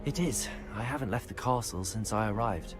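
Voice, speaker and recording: A man's voice: fairly low pitch, moderate pace, over music, lightly acted. A man playing a polite, eager young wizard student in a video game, earnest and courteous. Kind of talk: scripted video game acting.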